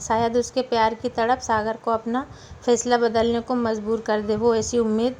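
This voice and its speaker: Woman reading a novel out loud, steady, kinda high voice, bit of hiss. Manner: steady, plain narration. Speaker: storyteller.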